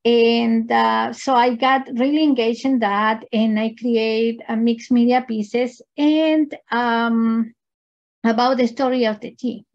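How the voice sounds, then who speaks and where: Woman, English, higher pitch, gravelly, hesitant. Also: fairly even intonation, darkish tone, lo-fi sound. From Chile. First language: Spanish. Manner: halting, non-native phrasing with many fillers. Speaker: artist. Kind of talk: virtual gallery talk.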